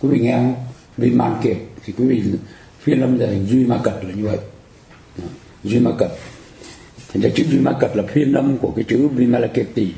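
Teaching Buddhism in an echoey room, this speaker has a mid-range, dark voice with vocal fry and talks at a normal speed. He explains terms with patience, repeats himself, and regularly seeks the audience's agreement and understanding.

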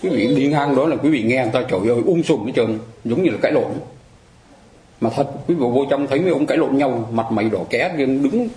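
A man's voice: medium pitch, fairly quick, dark tone. A man giving a conversational dharma lecture, often asking his listeners rhetorical questions. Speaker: Buddhist dharma teacher. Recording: roomy echo, faint ambient noise.

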